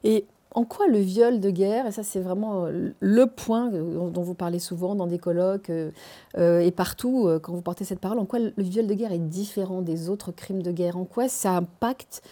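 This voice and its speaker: English-accented woman host, lots of ums, really dark mellow tone. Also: lowish voice, moderate pace. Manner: hesitant, many fillers and restarts. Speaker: interviewer. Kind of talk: TV studio interview.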